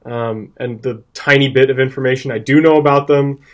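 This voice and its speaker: A man's voice: medium pitch, brisk. A young man co-hosting a podcast, chatting casually about college football picks, with lots of "um" and "like" and frequent laughs. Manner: animated, laughs often, fillers like "um" and "like". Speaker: podcast co-host. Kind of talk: casual sports betting chat.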